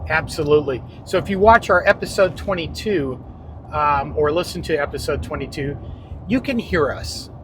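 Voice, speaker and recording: A man's voice: fairly high pitch, lively intonation, normal speed. A man hosting a casual podcast product review from inside a car, on a wireless microphone. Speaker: podcast host. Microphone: wireless clip-on microphone. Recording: noisy vehicle interior.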